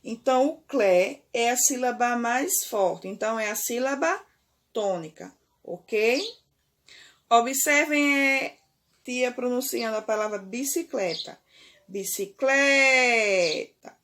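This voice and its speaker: A woman teaching young children with a Brazilian Portuguese accent. Her voice sits a little high and she speaks slowly, stretching out key words. She keeps checking in with her pupils through short questions. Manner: slow, deliberate, stretches key words, frequent "certo?" and "ok?". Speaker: primary school teacher. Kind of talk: remote classroom lesson.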